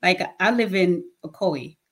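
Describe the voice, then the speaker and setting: A plain-spoken woman, answering an interviewer's questions. Her voice sits a little low for a woman, and she makes her points simply and firmly. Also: animated, measured pace, breathy edge. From Jamaica. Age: 50s. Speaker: nonprofit founder, guest. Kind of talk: casual interview talk.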